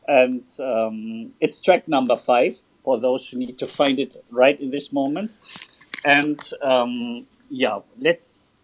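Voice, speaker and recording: A man's voice: medium pitch, fairly even intonation, slow, slight background noise, poor audio. A man co-hosting a live stream, presenting songs hesitantly with restarts and fillers. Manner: hesitant, restarts often, working from a script. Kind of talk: casual livestream chat.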